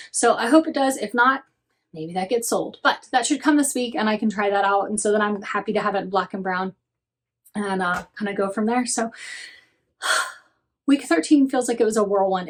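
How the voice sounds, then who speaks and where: A woman vlogger chatting casually about a handbag, rambling with lots of ums and self-corrections. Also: medium pitch. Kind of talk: casual chat.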